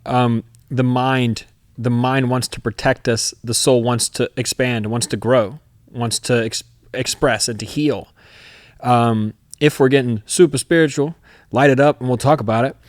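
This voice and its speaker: A man hosting a podcast, telling a personal story in a candid, profane way that swings into loud outbursts. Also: medium pitch, steady tone, a little slow, dry recording, clean studio sound. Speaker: podcast host.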